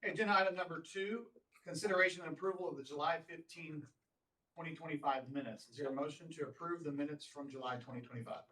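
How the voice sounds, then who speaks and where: A man's voice: on the high side, sharp tone. Man chairing a meeting, distant. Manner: measured, courteous, with frequent fillers. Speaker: board chair running a public meeting. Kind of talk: formal meeting procedure, plain and patient. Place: large meeting room. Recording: roomy sound from a distant mic.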